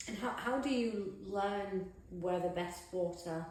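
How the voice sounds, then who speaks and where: A woman's voice: medium pitch, slow, a little mellow. Woman interviewer in an echoey room. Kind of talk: conversational interview. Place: indoors in an office.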